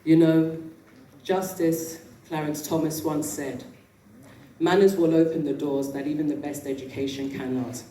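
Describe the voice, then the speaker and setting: A woman giving a motivational talk as an etiquette coach, with prim, precise enunciation and a measured, polite manner. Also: low-pitched, fairly even intonation, mellow. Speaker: etiquette coach speaking at an event. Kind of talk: motivational talk to a live audience. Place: indoor event room with audience. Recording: roomy, distant mic, noisy hall.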